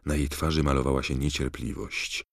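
Guy narrating an audiobook, super deep gravelly voice, dry close sound. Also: little pitch movement, no echo. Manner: measured storytelling. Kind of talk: scripted narration.

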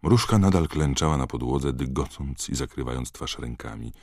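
A man narrating a fantasy audiobook in a steady storytelling reading. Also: rumbling low, moderate pace, no room sound, studio quality.

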